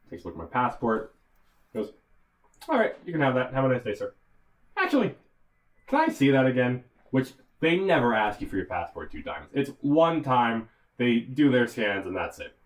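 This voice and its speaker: A young man spins a long story on a casual podcast, his voice swinging widely up and down as he goes. He sits at a middle pitch and laughs often mid-sentence. His delivery is animated and chatty. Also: far from the mic, rough recording. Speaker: podcast co-host.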